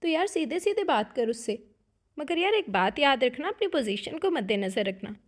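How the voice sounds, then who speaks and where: Woman doing a teasing best friend guy, jokey and loud, high voice. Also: sing-song, normal speed. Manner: jokey, chiding. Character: joking young male friend, teasing.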